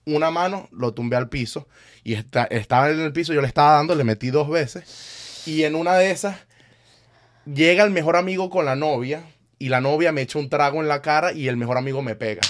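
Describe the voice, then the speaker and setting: Animated young man telling a story. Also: fairly high pitch, a little fast, no room sound. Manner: animated, acts out quotes. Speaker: storyteller in group chat. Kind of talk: casual chat.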